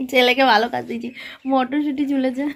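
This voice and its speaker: Over a loud crowd, a young woman with a high, steady voice talks fairly quickly to her viewers, vlogging her day indoors at home. She holds the phone camera herself and chats casually, addressing viewers directly with lots of fillers.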